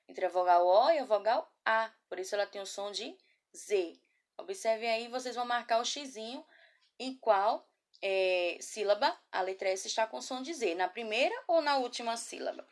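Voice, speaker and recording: A woman teaching a children's class from a camera, patient and affectionate, asking guiding questions and sounding words out slowly. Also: on the high side. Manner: patient, slow syllable-by-syllable spelling. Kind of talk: remote class lesson. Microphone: laptop or phone camera.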